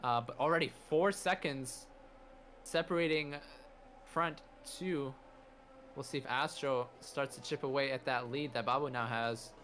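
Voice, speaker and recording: A man's voice: medium pitch, unhurried, fairly bright tone, a little hiss or hum. A man doing live motorsport race commentary, narrating the action play by play.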